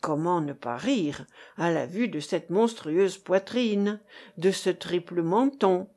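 A woman giving a theatrical, expressive reading of a literary story. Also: lowish voice, slow. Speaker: audiobook reader. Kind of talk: scripted literary narration.

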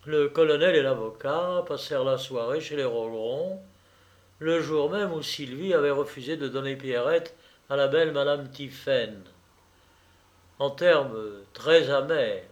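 A man narrating a classic novel as an audiobook, slow and measured. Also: medium pitch.

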